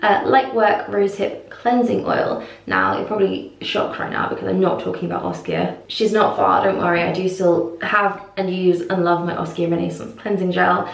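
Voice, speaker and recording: A woman's voice: on the low side, animated, normal speed, vocal fry, few pauses. Woman chatting in an echoey bathroom. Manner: chatty, informal, self-deprecating asides. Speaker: beauty vlogger. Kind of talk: casual chat to camera, morning routine walkthrough. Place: small indoor bathroom.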